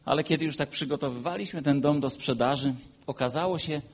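A pastor preaching a sermon and telling a personal story. He swings between loud, emphatic peaks and quiet, low asides. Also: brisk.

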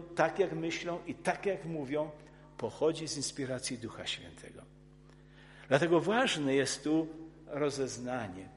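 A man preaching a sermon in an earnest, emphatic way, often restarting his words and rising into forceful outbursts. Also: fairly high pitch, a little hiss or hum. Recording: long hall reverb.

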